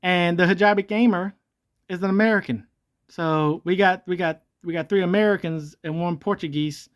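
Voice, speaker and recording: Goofy host rambling thru a morphing voice changer, pitch jumps all over, keeps correcting themselves lol. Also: moderate pace. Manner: jokey, rambling, self-correcting, pitch jumping around. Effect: voice changer that shifts and morphs the voice. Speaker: video host. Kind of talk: rambling comedic commentary.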